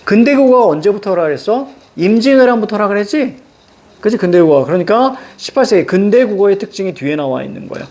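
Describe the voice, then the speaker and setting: A man's voice: sits high, expressive, quick pace, darkish tone. A middle-aged male teacher giving a classroom lecture, drilling students with frequent check-in questions and stretching out example words for emphasis. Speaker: Korean language teacher.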